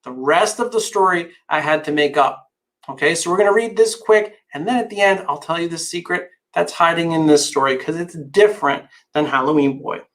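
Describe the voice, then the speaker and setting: A man reads his picture book to small children in a bright, playful storytelling manner. He speeds through some phrases and lingers on others, keeping young listeners engaged. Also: fairly high pitch, fairly quick, rough recording. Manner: lively, playful, changes pace often. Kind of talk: storybook read-aloud.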